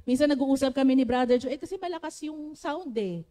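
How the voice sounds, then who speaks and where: A woman with a Filipino accent preaching a sermon to a church congregation, with a naturally loud voice, often calling on the congregation to respond. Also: high-pitched, quick pace. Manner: switches between Tagalog and English, asks the congregation for responses.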